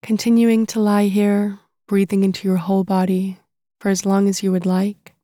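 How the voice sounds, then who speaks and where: A woman with a soft voice narrating a guided body-scan meditation in a calm, soothing, unhurried way, leaving long pauses between phrases. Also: mid-range voice, no room sound, clean studio sound.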